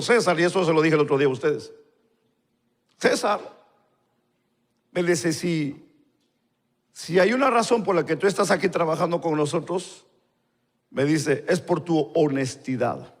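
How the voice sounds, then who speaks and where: A male pastor, telling a story in a live sermon and acting out the dialogue in quieter voices. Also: on the high side, normal speed, long pauses. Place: church hall. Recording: long church-hall reverb.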